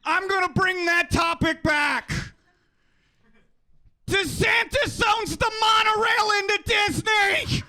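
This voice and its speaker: Very high bright guy yelling a profane rant, slow and drawn out. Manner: ranting, shouting, profane. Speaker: stand-up comic. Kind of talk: open mic stand-up.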